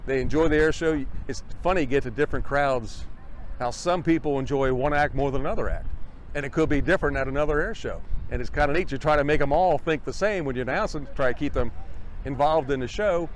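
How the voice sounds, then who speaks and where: A man's voice: on the high side, fast, a little hiss or hum. A middle-aged or older man giving casual interview answers in a plain-spoken, folksy way, as an airshow announcer.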